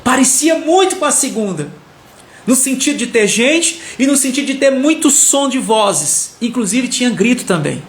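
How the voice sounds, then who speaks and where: A man preaching a sermon as a story, animated and acting out the characters' lines. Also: very high voice, moderate pace. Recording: echoey room with faint music.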